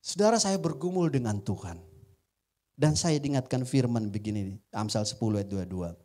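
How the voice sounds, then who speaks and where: Animated pastor preaching to a congregation. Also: male voice, medium pitch, normal speed. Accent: Indonesian, Batak. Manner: lively, joking, swings between loud emphasis and quiet asides; often addresses the congregation as "saudara". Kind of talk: sermon. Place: church before a congregation.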